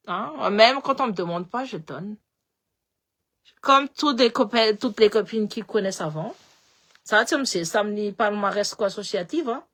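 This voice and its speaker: A political commentator, a woman with a slightly high voice and a slight Malagasy accent, talks live in a casual, animated way. She repeats words as she goes and switches between languages.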